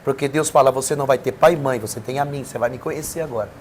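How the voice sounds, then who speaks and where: Over a little hiss or hum, a Brazilian preacher on a podcast races through an emotional personal testimony in a medium-pitched voice. He speaks with a Brazilian Portuguese accent, telling his story earnestly and emphatically with mounting intensity.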